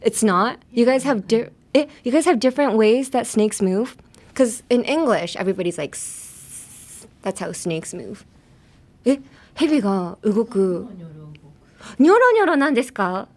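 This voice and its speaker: A woman's voice: on the high side, expressive, takes it slowly. A young woman hosting a bilingual English lesson, chatty and playful as she switches between English and Japanese. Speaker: English teacher host.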